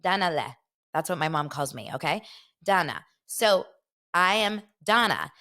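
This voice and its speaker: Her voice is fairly low and sharp in tone, animated but a little slow. She's a young woman from Los Angeles hosting a podcast, casually gossiping and chatting lively over viewer comments she reads aloud.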